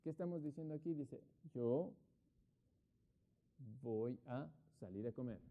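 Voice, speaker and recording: A middle-aged man teaching English grammar in Spanish in an online class, patiently explaining and asking rhetorical questions, slowing down to spell out English example sentences. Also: mid-range voice. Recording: phone-like thin audio.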